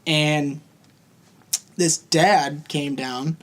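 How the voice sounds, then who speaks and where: Young man telling animated stories. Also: a little high, extremely slow. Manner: animated storyteller, quoting others with voices. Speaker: podcast co-host. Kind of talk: casual chat.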